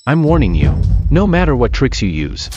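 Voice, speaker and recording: A man's voice: medium pitch, huge pitch swings, normal speed, lo-fi sound, over music. A man dubbing a hot-headed young man in a drama, harsh and accusing. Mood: furious. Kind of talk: English drama dub.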